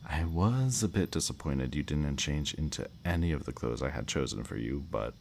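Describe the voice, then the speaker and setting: A man with a gravelly, darkish bass voice performs heavily as a smug kidnapper in an intimate ASMR roleplay, polite yet menacing. He addresses the listener slowly and animatedly, teasing and mock-courteous, lingering over his words while night crickets chirp amid faint background noise.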